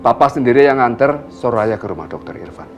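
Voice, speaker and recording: An actor playing a calm older father figure, speaking flatly and matter-of-factly. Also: mid-range voice, fairly quick, faint music behind, natural voice. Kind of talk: TV soap acting.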